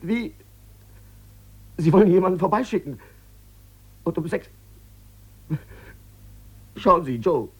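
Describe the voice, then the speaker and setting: A desperate broke gambler, feverish and stammering as he pleads on the phone. His husky voice sits fairly high and swings widely up and down. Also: expressive, takes it slowly, pauses often, heavily acted. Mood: feverish pleading. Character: desperate broke male gambler, sick and in debt. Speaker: lead character in a radio drama. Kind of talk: 1950s radio play acting.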